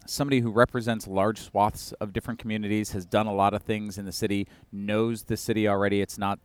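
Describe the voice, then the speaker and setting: A man talks through local politics as a podcast co-host, his voice low and recorded dry and close. He speaks clearly and states his opinions in an upbeat way. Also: level tone, fast talker, no room sound. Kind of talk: casual political chat.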